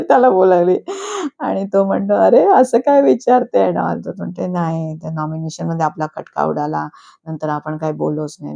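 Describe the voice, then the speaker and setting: A woman's voice: deep voice, vocal fry, warm tone. A middle-aged woman giving a casual recap of a reality show episode, retelling the quarrels and quoting the contestants with frequent laughs.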